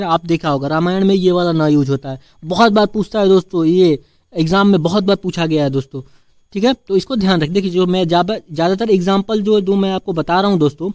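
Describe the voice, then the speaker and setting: High-pitched man teaching Hindi spelling. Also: a little mellow, no echo. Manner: repetitive teaching, asks and answers his own questions; addresses viewers as friends, frequent "theek hai". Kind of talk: Hindi spelling lesson at a board.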